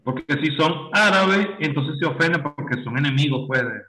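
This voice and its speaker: A man's voice: a little high, lively intonation, normal speed, sharp tone, a little hiss or hum. A Venezuelan man co-hosting a podcast, blunt and crude in casual chat. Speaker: podcast co-host. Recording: echoey room.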